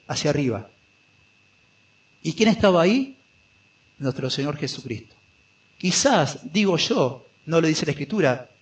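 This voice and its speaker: Male pastor with a slightly high voice who preaches through rhetorical questions and softens when quoting scripture. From Argentina. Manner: asks the congregation questions and answers them himself; drops to a soft, slow voice when quoting scripture. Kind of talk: expository sermon.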